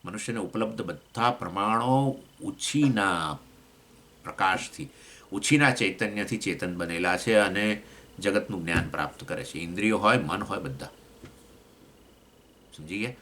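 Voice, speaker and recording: Bright-voiced man teaching scripture. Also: measured pace, long pauses. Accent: Gujarati. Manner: explains with questions to listeners, acts out voices of elements; pitch swings between raised points and low asides. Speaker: swami teaching Vedanta. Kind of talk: scripture class lecture.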